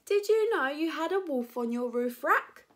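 A woman's voice: a little slow, exaggerated voice. A young English woman voicing a cheerful, bossy little girl at the beach in a storybook reading. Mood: playful. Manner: high, bright, excited calls.

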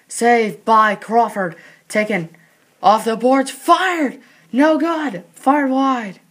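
A commentator calling frantic mock hockey play-by-play in short clipped bursts, excitable and quick to raise the voice. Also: mid-range voice.

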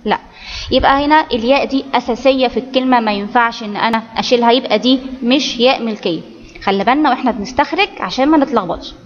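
A woman's voice: a little high, very fast, in a large hall, lo-fi sound. A woman with an Egyptian accent teaching children Arabic grammar, explaining step by step and often checking that the class follows. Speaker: primary school Arabic teacher. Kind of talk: online grammar lesson for children.

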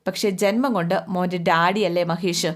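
A woman voicing a scheming mother who approves of revenge, speaking in a measured, lecturing tone. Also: on the low side, fairly even intonation, lightly acted.

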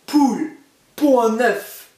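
A woman reading a storybook aloud and voicing a big hungry male ogre, speaking slowly and drawing out his words. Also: on the high side, lively intonation, darkish tone. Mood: menacing. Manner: slow, drawn-out delivery. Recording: roomy, mic far off.

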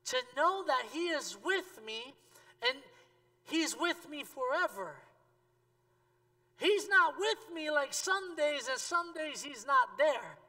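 A man in his thirties preaching a sermon on a church stage, talking straight to the congregation and swinging from emphatic peaks to quiet asides. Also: very high-pitched, sing-song, slow. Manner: conversational, addresses the congregation directly. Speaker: pastor. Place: church stage with a seated audience. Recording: long reverb of a church hall.

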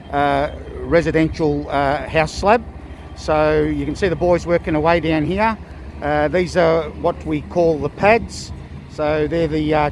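A middle-aged Australian man giving a casual, halting walkthrough of an outdoor building site, filled with ums and uhs. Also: a little high, slight background noise. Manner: plain-spoken, many ums and uhs, halting restarts. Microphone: handheld phone camera.

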